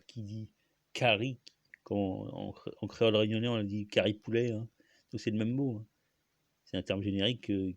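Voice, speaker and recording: A man with a fairly low voice talks alone about where words come from. He hesitates and restarts often and stops to cough. The sound is dry and close, with little room echo. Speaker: host. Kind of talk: rambling solo talk on language.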